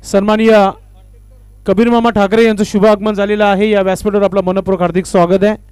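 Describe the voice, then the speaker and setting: A man doing live commentary and formal stage announcements at a local cricket tournament, with honorific phrases and filler pauses. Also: high voice, level tone, a little mellow, smooth, dry recording.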